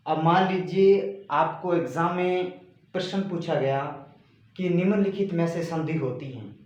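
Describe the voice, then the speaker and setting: A male teacher giving a grammar lesson, slowly repeating and stressing key words. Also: a little high, a little mellow. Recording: very echoey room.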